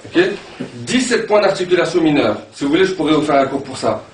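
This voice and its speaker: A man teaching an Arabic pronunciation class, animated and repeating sounds aloud to demonstrate them. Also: fairly high pitch, fast talker. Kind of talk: classroom lesson. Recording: echoey room from far off, background noise.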